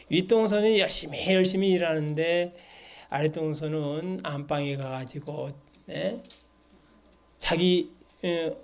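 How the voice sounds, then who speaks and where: A pastor in a church hall explains scripture in a Bible study sermon. His voice sits slightly high for a man. He reads verses, then presses his listeners with frequent questions to keep them engaged.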